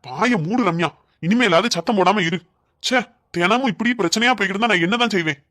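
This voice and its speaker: A woman voicing an exasperated grown son and husband in a family comedy skit, fast, scolding and fed up. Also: mid-range voice, fairly bright tone, lightly acted.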